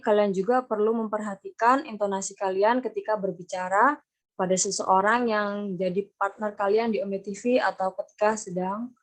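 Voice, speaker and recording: A young woman with an Indonesian accent presenting an online class lesson over a video call, explaining slowly and repeating key terms. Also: medium pitch. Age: young adult. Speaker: student presenter.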